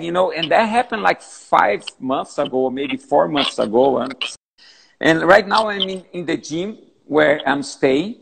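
Gravelly husky-voiced surfer in his fifties. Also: fairly high pitch. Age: 50s. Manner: halting, repeats words, non-native phrasing. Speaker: big wave surfer. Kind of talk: interview answers. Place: gym.

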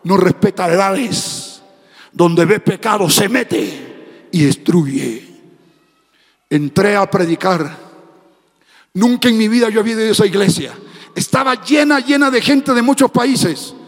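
A man preaching a fiery sermon as a pastor, shouting and half-singing his phrases. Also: high-pitched, lively intonation, a little slow, pauses often, long reverb tail. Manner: speaking in tongues.

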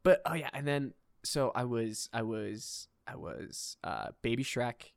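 A young man in his twenties hosting a casual podcast chat, animated, laughing often and filling his talk with "like" and "dude". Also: medium pitch, unhurried, gravelly, no echo. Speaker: podcast host.

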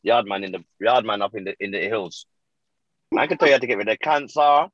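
A man's voice: fairly low pitch, lively intonation, fairly quick, fairly bright tone, no room sound, dull audio. A man with an urban London roadman accent, chatting casually in slangy street style. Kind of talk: casual group chat.

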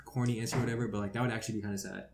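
A man's voice: lowish voice, flat delivery, rapid-fire, gravelly. Joking young man, noisy podcast mic. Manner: joking, teasing, loose and profane. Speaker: podcast co-host. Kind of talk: casual podcast banter. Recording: audible background noise.

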